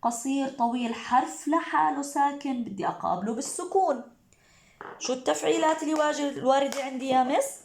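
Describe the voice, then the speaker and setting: A female teacher with a Levantine Arabic accent explains poetic meter to students preparing for exams, posing questions and answering them herself while slowly chanting syllables. Her voice sits high and is creaky, recorded in an echoey room.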